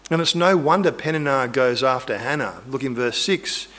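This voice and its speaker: A man's voice: medium pitch, moderate pace, bright, forceful tone. A man preaching a conversational sermon, earnest, acting out quotes and imagined lines. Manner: earnest, acts out biblical quotes and imagined dialogue.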